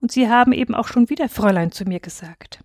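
A woman reading aloud who voices a shy, gently teasing young bride in a storybook. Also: fairly high pitch, fast, no room sound, clean studio sound, voice pushed up, lightly acted. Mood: bashful.

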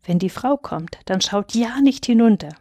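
A woman voicing a calm, clever young shepherd boy in a read-aloud fairy tale, in a plain, steady manner. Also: fairly high pitch, normal speed, no room sound, studio quality. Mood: warning. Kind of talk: storybook reading.

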